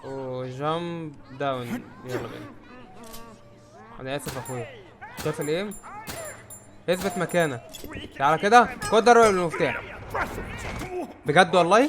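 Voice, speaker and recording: A young man with an Egyptian Arabic accent giving let's-play commentary, jumpy and prone to sudden yelps and shouts when startled. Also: on the high side, a little fast, pauses often. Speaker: gamer.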